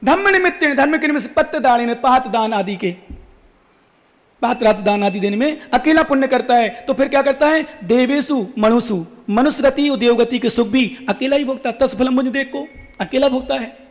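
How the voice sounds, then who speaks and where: A man's voice: extremely high pitch, normal speed, big-room sound. A man preaching a sermon as a Jain monk, emphatic and repetitive, asking rhetorical questions and chanting scripture verses. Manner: emphatic, repeats key phrases, asks rhetorical questions.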